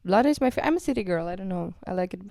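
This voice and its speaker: A woman's voice: on the low side, expressive, racing, darkish tone. A young woman from Romania, co-hosting a casual podcast chat, her voice still sick from a cold and full of fillers and laughs. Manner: chatty, filler-heavy, laughing often. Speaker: podcast co-host.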